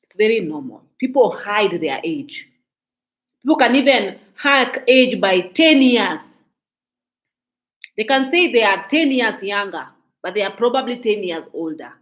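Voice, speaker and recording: A woman's voice: medium pitch, lively intonation, unhurried. A woman from Kenya with a Kenyan accent, giving casual, talkative commentary on celebrity gossip to her viewers, emphatic and repeating herself. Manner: mixes in Swahili phrases.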